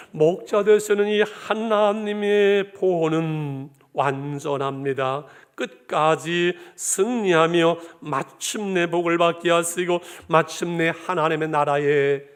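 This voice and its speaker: A man's voice: fairly high pitch, clear, resonant tone. Man preaching a sermon. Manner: preaching with swells of emphasis, addressing the congregation directly. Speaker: pastor.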